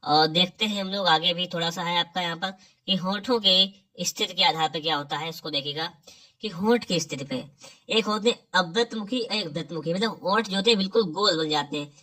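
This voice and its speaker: Man teaching, bright voice a little distant. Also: high-pitched, fairly quick. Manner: quizzes the listener, repeats "ठीक है". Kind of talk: exam-prep lesson.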